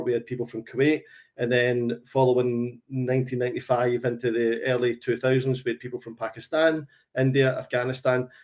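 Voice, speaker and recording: This is a man around forty from Glasgow, with a Glaswegian Scottish accent, presenting a business webinar on a call as a sales consultant. He tells anecdotes in a relaxed, conversational way, his voice medium-pitched and a little mellow.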